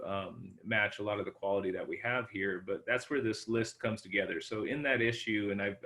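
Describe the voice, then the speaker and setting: A man's voice: fairly low pitch, fairly bright tone. A man running a governance video call, rambling and often correcting himself. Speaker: meeting organizer. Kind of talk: casual meeting discussion.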